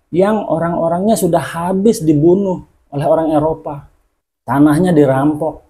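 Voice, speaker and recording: A man's voice: on the high side, warm tone. A man hosting his own channel, giving indignant commentary full of rhetorical questions. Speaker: channel host. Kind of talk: opinion commentary.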